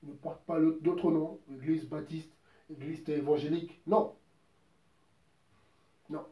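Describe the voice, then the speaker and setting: A man's voice: fairly high pitch, steady tone, a little slow, far from the mic, lo-fi sound. Emphatic male preacher in an echoey room. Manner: emphatic, repeats words, quotes scripture at length. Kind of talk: informal sermon. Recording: roomy echo, voice from off mic.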